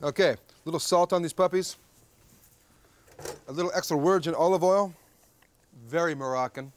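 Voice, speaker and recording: A man's voice: fairly high pitch, normal speed, a little hiss or hum. A man in his thirties hosting a TV cooking show at an outdoor grill, chatty and joking, often tagging lines with "okay?". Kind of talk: jokey TV cooking demonstration. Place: outdoor backyard grill deck.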